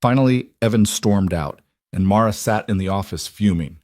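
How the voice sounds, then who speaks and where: Low-voiced male audiobook narrator. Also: normal speed, darkish tone, no room sound, clean studio sound. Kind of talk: scripted narration.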